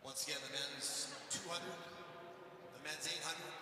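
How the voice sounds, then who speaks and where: A man making slow, formal meet announcements over a PA system in a large indoor track arena. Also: a little high, steady tone. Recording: echoey arena PA from far off, background noise.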